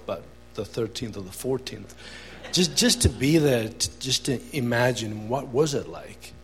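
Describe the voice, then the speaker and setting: A man from Albania with an Albanian accent, speaking as a guest at a church service and sharing his testimony in an earnest, halting way with many fillers. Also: mid-range voice, in a large hall.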